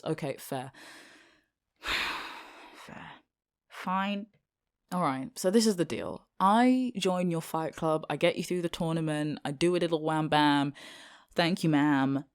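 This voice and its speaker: A woman plays a British teenage schoolgirl with a low voice who is secretly a magical girl and deeply unwilling to be one. Her delivery is casual and halting, full of slang and sardonic exasperation, with a slightly mellow quality. The whole thing feels loose, like an improvised audio roleplay.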